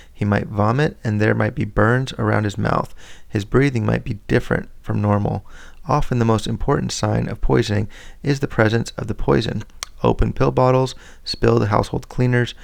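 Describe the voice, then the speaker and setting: A man reading a first-aid handbook aloud in a plain, steady way, with small slips and restarts and the odd aside. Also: lowish voice, creaky. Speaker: reader of a scout handbook.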